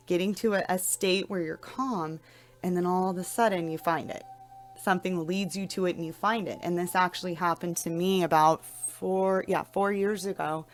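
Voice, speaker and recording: A young adult woman talking casually about spirituality in a soft-spoken way, often repeating words and restarting her sentences. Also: on the low side. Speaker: spiritual vlogger. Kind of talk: casual spiritual talk to camera.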